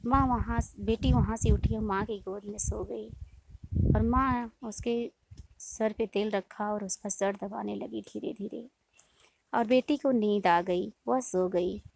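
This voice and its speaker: A woman's voice: medium pitch, fairly even intonation, measured pace, gravelly, a little mellow, a little hiss or hum. A woman telling a simple folk story in a homely, casual way, often restarting her sentences.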